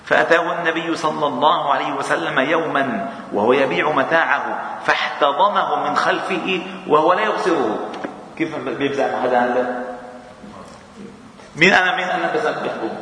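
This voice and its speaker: A man's voice: fairly high pitch, a little fast, bright, forceful tone, slight background noise. Lebanese man teaching in an echoey mosque. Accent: Lebanese Arabic. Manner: mixes classical reading with colloquial asides, chuckling. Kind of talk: religious lesson. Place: mosque hall.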